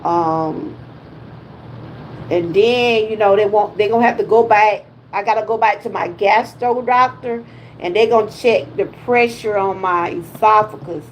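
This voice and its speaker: Unhurried and medium-pitched, a Southern-accented woman in her fifties from Georgia, USA, chats casually on her wellness livestream with folksy exclamations. The recording is rough, with a little hiss or hum.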